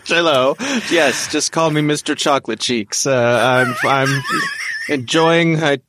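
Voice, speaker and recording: A man's voice: fairly high pitch, a little slow, fairly bright tone. An American man, a guest on a podcast, chatting in a jovial, easygoing way. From United States. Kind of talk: casual podcast banter.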